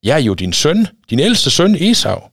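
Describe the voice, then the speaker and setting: A man's voice: fairly high pitch, huge pitch swings, vocal fry, a bit bright, pitched above the performer's own voice, heavily acted. A man doing Esau, the cheated angry elder son. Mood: indignant. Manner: raised, pleading, angry.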